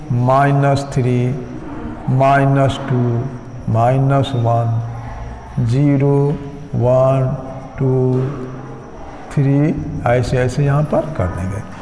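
A male school maths teacher giving a slow, step-by-step classroom lecture, mixing in English terms. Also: medium pitch, fairly even intonation, a little mellow, soft background music. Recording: echoey room with long reverb.

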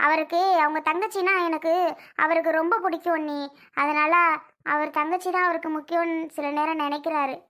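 Tearful young wife , played by a child, high and bright, pleading. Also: steady tone, fairly quick. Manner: soft, pleading, apologetic. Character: tearful young married woman, gentle and pleading. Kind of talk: homemade family drama.

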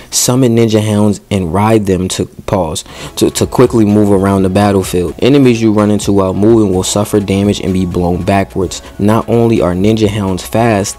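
A man, a gaming YouTuber, reading game update notes aloud, stumbling over words now and then and breaking off for slangy, excited asides. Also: on the low side. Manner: slangy excited asides between read passages; stumbles and restarts while reading.

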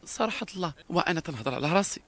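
A man's voice: fairly high pitch, expressive, very fast, fairly bright tone. A man with a Moroccan Darija accent, speaking in an interview with emphatic, repetitive talk and frequent restarts.

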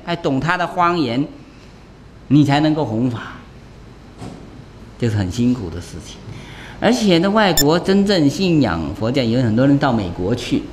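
Monk lecturer, man, lively chatty delivery with rhetorical questions, voice sits a bit high and swings a lot. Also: a little hiss or hum. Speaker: Buddhist monk teaching. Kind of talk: conversational dharma lecture.

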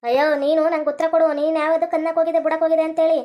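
A woman's voice: very high-pitched, flat delivery, rapid-fire, lo-fi sound. A woman, acting out a scolding village comedy sketch. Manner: scolding, quarrelsome village banter.

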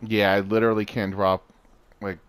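A man's voice: fairly low pitch, little pitch movement, normal speed, clean tone, no room sound. A man chatting casually while playing a co-op game, often exclaiming and laughing. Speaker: gamer. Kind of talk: casual co-op gameplay chat.

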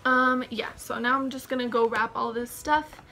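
A woman's voice: on the high side, steady tone, moderate pace, pushed and bright. A young woman with a Valley girl accent, chatting casually and upbeat to her vlog viewers, full of likes and ums. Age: young adult. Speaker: vlogger.

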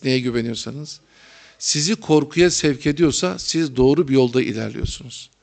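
A middle-aged man preaching a religious lecture, chatting with humor to his audience and building to fervent emphasis. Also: a little high.

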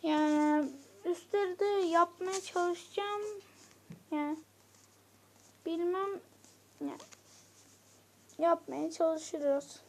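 Her pitch is extremely high, her tone darkish and her intonation fairly even as this female gaming YouTuber narrates a let's-play. She addresses viewers directly and loses patience fast.

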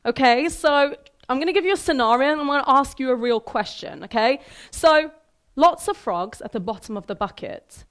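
High-pitched woman in her thirties, keynote speaker, chatty and lively, quizzing the audience from the stage. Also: normal speed. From Iran, raised in Sweden. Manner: lively, conversational, asks the audience questions. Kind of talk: motivational talk. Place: theater stage with a large audience hall. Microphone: headset mic.

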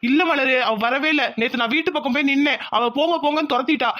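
A man's voice: very high voice, fast talker, pushed and bright. A man voicing a lovesick young village man in a cartoon, pleading and worried.

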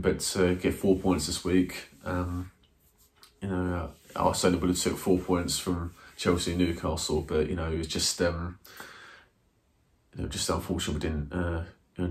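Seated in front of a camera in a small indoor room with a plain wall, a man reviews a football match, hesitating with many ums and restarts. His voice is low-pitched and a little mellow.

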